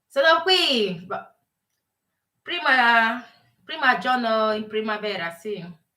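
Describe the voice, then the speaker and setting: A woman hosts a relaxed live chat, talking slowly and stopping often to find her words. Her voice sits fairly high and sounds bright. The sound is roomy, with the mic set back from her. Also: distant mic. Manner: halting, searches for words and restarts often; mixes English and Italian while greeting viewers. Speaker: live stream host. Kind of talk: casual live chat with viewers.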